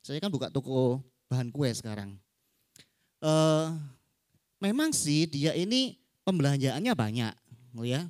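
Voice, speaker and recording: A preacher giving a conversational sermon at a church service, often tagging sentences with quick questions to the congregation. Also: medium pitch, big pitch swings, darkish tone, no echo. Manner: conversational, acts out stories, frequent tag questions.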